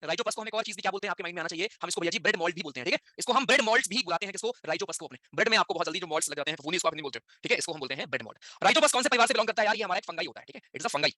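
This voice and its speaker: A young man delivers an online lecture at a rapid clip. His high, bright voice stays chatty, and he keeps asking his students questions as he goes. The sound is dry and close, with almost no room around it. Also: animated, dry recording. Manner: chatty, addresses students directly with frequent tag questions. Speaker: teacher.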